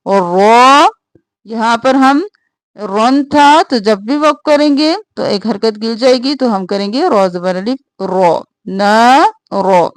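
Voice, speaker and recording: A woman teaching Quranic recitation, drawing out verses slowly and explaining each sound briskly. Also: fairly high pitch, no room sound. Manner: slow drawn-out melodic recitation between brisk spoken instructions. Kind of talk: tajweed lesson, alternating slow recitation and quick explanation.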